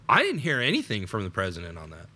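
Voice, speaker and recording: Casting: American male podcast co-host, low and forceful, repeated starts. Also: slightly rough. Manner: rambling with frequent repeated starts, laughs. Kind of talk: unscripted political chat.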